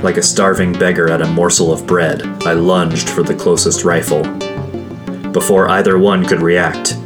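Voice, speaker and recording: A man reading a first-person fantasy novel aloud as an audiobook narrator, in a measured, grave storytelling manner. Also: low voice.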